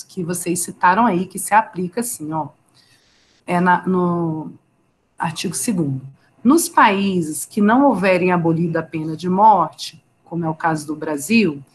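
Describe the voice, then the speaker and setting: A Brazilian woman teaching a live online law class, talking conversationally, asking students questions and answering them by name. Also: medium pitch. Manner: conversational, asks students questions and reads their names from chat.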